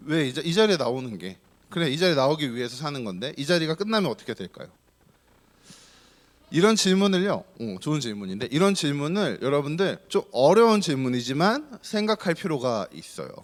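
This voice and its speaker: A male pastor giving a children's sermon, keeping it interactive and playful as he fires questions at the kids. His pitch sits a bit high and swings up and down a lot. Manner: asks children many questions, playful and teasing.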